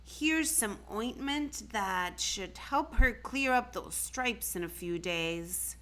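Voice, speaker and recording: A fussy, baffled gentleman doctor from a storybook, played by a woman reading aloud. He speaks formally and takes his time over his words, pitched a little above the narration. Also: expressive, takes it slowly. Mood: matter-of-fact.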